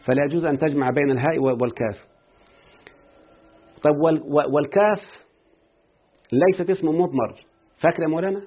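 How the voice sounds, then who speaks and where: An Egyptian man with a husky voice teaches grammar at a quick clip, asking his students questions as he explains. He sounds as if heard over a tinny, phone-like line. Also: fairly high pitch. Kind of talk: explaining a grammar text in class.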